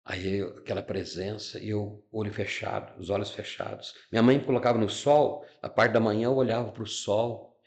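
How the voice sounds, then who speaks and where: A man's voice: on the low side, fairly even intonation, normal speed, a little mellow. A man giving a personal testimony as a podcast guest, telling a life story with feeling, repeating words and acting out the people he quotes.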